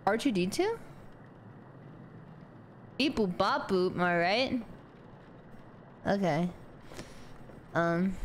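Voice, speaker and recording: A young woman streaming a game, chatting to her viewers, giggling and filling pauses with "um". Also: mid-range voice, background noise. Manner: talks to chat, animated, giggly, mumbles "um" often. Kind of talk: casual gameplay commentary.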